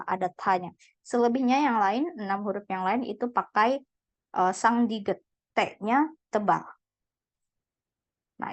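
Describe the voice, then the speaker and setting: A woman's voice: on the high side, no echo, dull audio. A woman teaching a Korean lesson, patiently repeating and drilling each syllable. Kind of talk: online language lesson.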